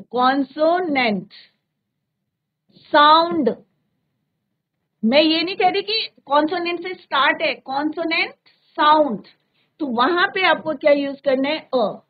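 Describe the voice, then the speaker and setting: High-voiced woman teaching a class. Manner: asks frequent checking questions. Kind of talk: classroom grammar lesson. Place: classroom studio. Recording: phone-like narrow band.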